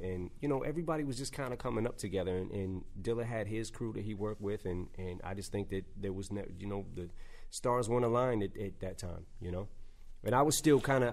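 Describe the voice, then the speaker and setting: Low-voiced man rambling as a guest. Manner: rambling, lots of "you know" and restarts. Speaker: rapper guest. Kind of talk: casual interview chat.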